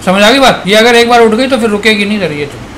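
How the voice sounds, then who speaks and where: A middle-aged father scolds his son at home in a stern voice set high for a man. His talk is blunt and threatening, with faint noise around him. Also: lively intonation, fast talker, a bit bright. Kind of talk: family argument at home. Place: family home indoors.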